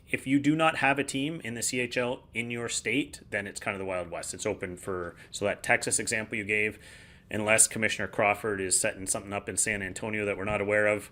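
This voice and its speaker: Bright-voiced hockey analyst. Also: male voice, lowish voice, brisk. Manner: explanatory, relaxed, plain-spoken. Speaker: podcast co-host, hockey analyst. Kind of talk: casual sports analysis.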